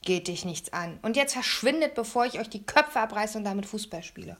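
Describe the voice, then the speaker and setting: A woman's voice: mid-range voice, animated, brisk, natural voice. A woman voicing a rude, unkempt male neighbor who roars and threatens. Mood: furious. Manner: loud, roaring.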